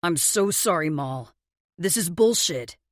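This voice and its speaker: A woman voicing a caring, loyal young man in an audiobook, speaking gently and reassuringly. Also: fairly low pitch, lively intonation, unhurried, no echo, clean studio sound. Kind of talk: audiobook character voice.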